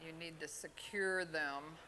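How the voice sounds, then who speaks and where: A woman from Oregon giving an unhurried step-by-step fly tying demonstration at an expo. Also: sits low, steady tone, bright, forceful tone, a little hiss or hum. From Oregon, USA. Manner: unhurried, plain instructional talk with pauses. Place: expo hall.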